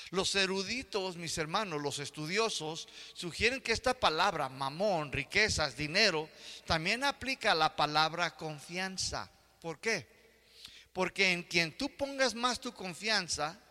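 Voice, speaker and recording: A man's voice: high voice, pushed and bright, long reverb tail. An older man preaching a sermon as pastor, often checking that the congregation is following along. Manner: asks the congregation for agreement.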